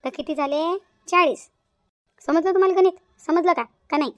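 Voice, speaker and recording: A woman's voice: very high-pitched, no echo. A woman voicing a scheming young daughter-in-law in a cartoon, patronizing and bossy. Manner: patronizing, fast-talking. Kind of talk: cartoon voice acting.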